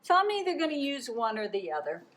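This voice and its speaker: An older woman with a high voice chats her way through a craft demo. She gushes and laughs easily, talking to her viewers like friends. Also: sing-song, fast, fairly bright tone, rough recording. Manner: chatty, gushing, laughs easily. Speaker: acrylic pouring art channel host. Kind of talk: casual craft demonstration chat.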